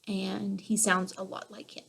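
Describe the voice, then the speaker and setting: A woman's voice: medium pitch, flat delivery, measured pace, gravelly, a bit bright, slightly rough. A woman in her thirties hosting a solo podcast, chatting in a rambling, enthusiastic way. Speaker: podcast host. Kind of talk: casual solo podcast chat.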